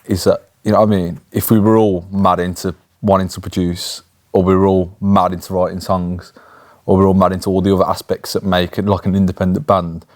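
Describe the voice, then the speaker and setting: Fast-talking Brummie young man. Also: deep voice, flat delivery, a little mellow. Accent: Birmingham. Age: 20s. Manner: rambling, often asks "do you know what I mean?". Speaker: band member, guest. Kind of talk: casual chat.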